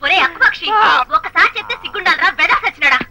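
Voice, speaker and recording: A woman's voice: very high-pitched, lively intonation, racing, noisy background. An actress voicing a furious woman who hurls insults from a radio in a comedy film. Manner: fierce, insulting rant. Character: shrill angry woman cursing from a radio.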